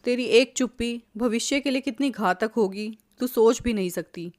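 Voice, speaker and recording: A woman's voice: a little high, moderate pace, a little mellow, close to an everyday voice. A woman voicing a stern, protective older mother-in-law who lectures and scolds. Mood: scolding.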